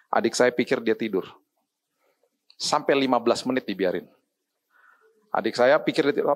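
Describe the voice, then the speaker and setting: A middle-aged man, a pastor, preaching a sermon and telling a family story, sometimes slipping into English phrases and acting out the people he quotes. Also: medium pitch.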